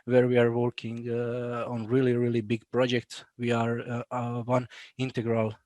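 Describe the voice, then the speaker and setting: A man in his thirties with a Croatian accent, speaking as a guest in a casual interview over a video call, halting with many fillers and restarts and laughing often. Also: medium pitch, completely flat delivery, a little mellow, dry recording. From Bosnia. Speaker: guest, BIM manager.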